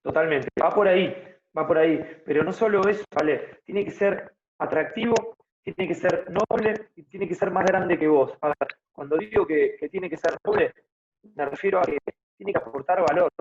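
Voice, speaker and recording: A man's voice: high-pitched, moderate pace, lo-fi sound. Argentine man in his thirties, explaining. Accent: Argentine Spanish (Buenos Aires). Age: 30s. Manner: explanatory, thinks aloud with frequent tag questions. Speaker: guest, fitness motivator. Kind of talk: casual interview conversation.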